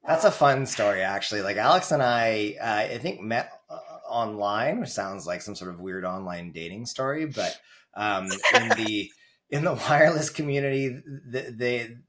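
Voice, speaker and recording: A Canadian man, a guest on a podcast, chatting casually and telling animated stories about network work. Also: fairly low pitch. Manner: animated storyteller who acts out quoted voices. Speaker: guest, wireless network engineer.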